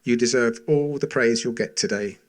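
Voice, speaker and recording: Father of the bride at the wedding toast: middle-aged man, mid-pitched voice, affectionate and sincere, gentle humour, phrases set apart by pauses.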